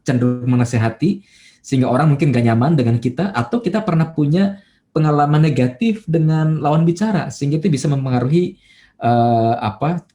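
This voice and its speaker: A man preaching as a pastor in a relaxed, conversational church talk, with many fillers and quoted everyday voices. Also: mid-range voice. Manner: acts out everyday quotes in a livelier voice. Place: church online service.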